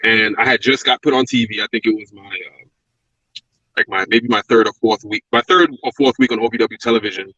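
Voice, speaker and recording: Telling his story in casual interview talk, this Brooklyn-born ex-pro wrestler rambles quickly and reflectively, doubling back with fillers and restarts. His voice is lowish, pushed and bright. The sound is dry and close-miked, dull and narrowed like lo-fi audio.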